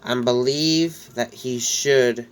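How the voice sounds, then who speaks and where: In a relaxed let's-play, a gameplay narrator with a head cold rambles through his life-sim story, frequently restarting. His mid-range voice is clean and slightly nasal, with fairly even intonation and an unhurried pace.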